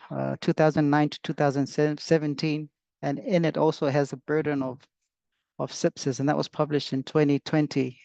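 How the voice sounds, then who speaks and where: A man's voice: fairly high pitch, gravelly, a little mellow, dry recording. A man from Samoa, a clinical advisor giving an online lecture, hesitant and full of fillers and restarts. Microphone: video call. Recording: dull lo-fi video call audio.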